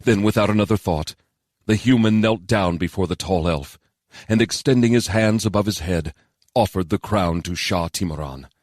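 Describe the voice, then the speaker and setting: A man narrating a fantasy novel in a steady, measured storytelling voice on a close studio mic. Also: sits low, no echo. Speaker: audiobook narrator.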